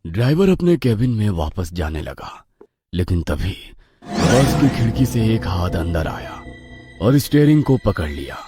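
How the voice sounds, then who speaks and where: A man tells a spooky story in a low voice, unhurried and drawn out. His pitch rises and falls widely to build suspense, and faint background music runs under him. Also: sing-song. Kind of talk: dramatic horror story narration.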